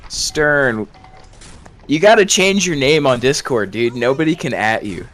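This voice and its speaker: A man's voice: medium pitch, lively intonation, measured pace, a bit bright. A man chatting casually with friends over voice chat during a game, often trailing off and restarting. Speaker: gamer on voice chat.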